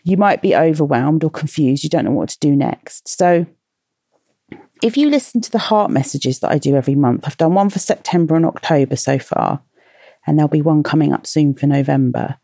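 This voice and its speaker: A woman's voice: deep voice, expressive, a little fast, creaky, dark tone, no echo, clean studio sound. A woman with a British accent hosting a children's podcast, talking in a playful, chatty way and asking her young listeners questions. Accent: British English. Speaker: children's podcast host and author. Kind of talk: casual talk to children.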